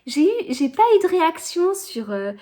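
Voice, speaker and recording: A woman's voice: extremely high pitch, very animated, moderate pace, dark tone. A woman chatting casually to her viewers in a home vlog, hesitant and full of fillers and restarts. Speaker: vlogger. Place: home indoors.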